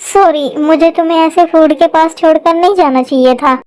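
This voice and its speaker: In a Hindi fan-dub drama, a woman with a very high, slightly mellow voice plays a caring mother of a teenage girl, speaking gently and soothingly at a moderate pace. The recording is dry.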